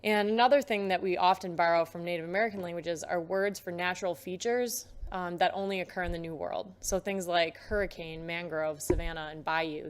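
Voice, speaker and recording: A woman's voice: fairly low pitch, smooth. A young woman giving a recorded lecture, explaining terms patiently with frequent filler words.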